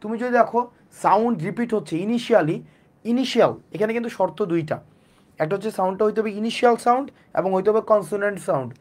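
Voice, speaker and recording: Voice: mid-range voice, quick pace, darkish tone. An English teacher, giving a live online class. The teacher repeats sounds over and over and asks and answers their own questions.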